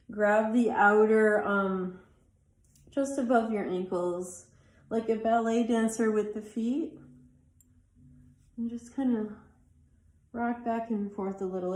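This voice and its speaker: A woman leads a yoga class, giving pose cues in a mellow, tired voice. She chats between instructions as if her students were in the room. The room gives her voice a noticeable echo. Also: mid-range voice. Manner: chatty, apologizes for talking too much. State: tired, yawning. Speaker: yoga teacher. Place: athletic club room.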